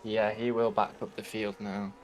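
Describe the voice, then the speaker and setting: A man's voice: on the low side, level tone, moderate pace, slight background noise, rough recording. A man giving casual motorsport commentary as a second commentator.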